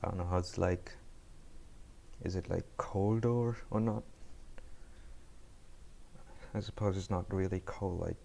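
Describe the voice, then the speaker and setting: This live coding streamer is a young Cambodian first-year student with a cold, talking with his chat in a rambling way and frequently repeating or restarting words. He has a low, gravelly, dark voice, fairly even intonation, and normal speed.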